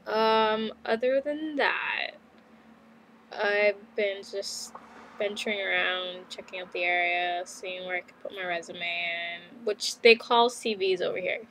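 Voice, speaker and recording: A young Canadian woman vlogs casually in a video diary, rambling with many ums and little laughs. Her mid-range, fairly bright voice is steady and slow. The recording is rough, with slight background noise.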